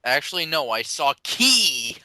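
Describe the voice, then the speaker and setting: A man's voice: on the high side, very animated, measured pace, pushed and bright, no echo. A man co-hosting a casual podcast, teasing and sarcastic in his banter. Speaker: podcast co-host.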